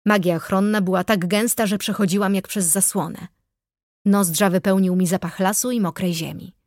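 A woman reading a first-person audiobook in a measured, wry storytelling manner. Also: medium pitch, fairly even intonation, darkish tone, no echo. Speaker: audiobook narrator. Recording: dry close studio sound.

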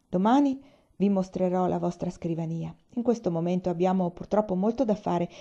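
A woman reading a novel aloud in a calm, even storytelling voice, voicing the dialogue lightly. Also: medium pitch, lo-fi sound. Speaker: reader.

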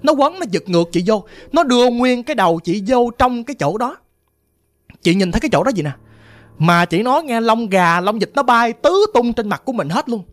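A woman's voice: on the high side, animated, a little fast. A woman with a Southern Vietnamese accent telling a ghost story about herself in a vivid, emphatic, repetitive manner.

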